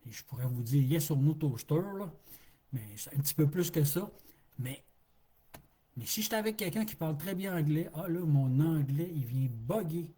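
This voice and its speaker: A middle-aged Québécois man preaching in a relaxed, folksy way, often repeating a word for emphasis. His voice is mellow and a little husky. He talks like a street pastor speaking plainly to his flock. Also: a little high, normal speed. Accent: Québécois French. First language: French. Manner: folksy, laughs easily, repeats words for emphasis. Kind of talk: informal sermon on a live stream.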